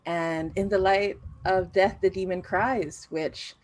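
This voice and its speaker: A woman's voice: lowish voice, fairly even intonation, slow. A woman from the Philippines chatting casually as a guest on a panel, informal and self-deprecating. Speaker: game designer, panel guest.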